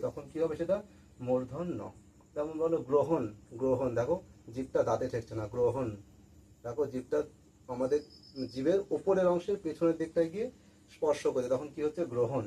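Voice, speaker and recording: A male teacher leads a classroom-style lesson in a fairly high, mellow voice. He repeats key words and asks questions, then answers them himself. A faint noise sits under the recording. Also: poor audio. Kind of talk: classroom lesson for school students. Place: room with a board.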